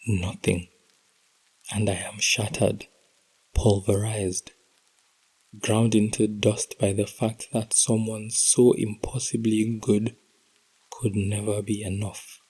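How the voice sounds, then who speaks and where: A man hosting a podcast, reading a heartbroken letter aloud in a slow, emotional, intimate delivery that drops to whispers at times. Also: lowish voice, dark tone, breathy edge, rough recording. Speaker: podcast host.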